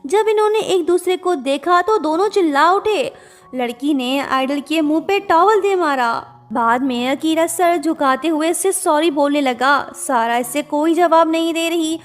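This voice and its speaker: A woman narrating a drama recap in a brisk, chatty way, mixing in English words. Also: high-pitched. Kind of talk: casual story recap narration. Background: faint music.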